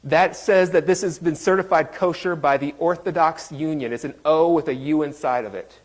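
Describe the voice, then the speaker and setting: A man's voice: a little high, moderate pace. A man preaching a sermon in a conversational, joking way, quizzing his congregation. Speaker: pastor.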